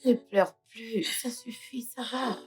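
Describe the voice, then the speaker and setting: A woman's voice: on the high side, steady tone, slow pace, husky, soft background music, heavily acted. An actress dubbing a woman who comforts a crying friend in a film. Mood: gentle soothing. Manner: soothing, hushing. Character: comforting female friend, soothing and steady. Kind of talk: dubbed film acting.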